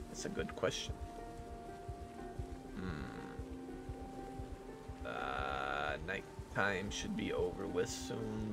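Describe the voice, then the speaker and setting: A man playing a survival game and commenting to himself, muttering, cursing and jumping into loud bursts. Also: low-pitched. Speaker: gamer. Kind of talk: let's play commentary.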